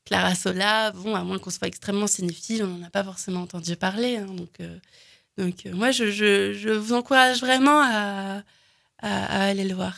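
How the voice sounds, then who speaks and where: A woman's voice: mid-range voice, fairly even intonation, moderate pace, creaky, fairly bright tone. A woman recommending films in casual chat, talking with many fillers and restarts. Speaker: film recommendation guest. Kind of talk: casual radio film chat.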